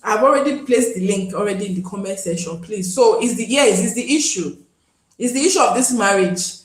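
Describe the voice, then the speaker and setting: A woman's voice: medium pitch, expressive, a little fast, roomy sound, rough recording. A Nigerian woman hosting a live stream, chatting casually and pleading with viewers to join. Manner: pleading, chatty, switches into pidgin.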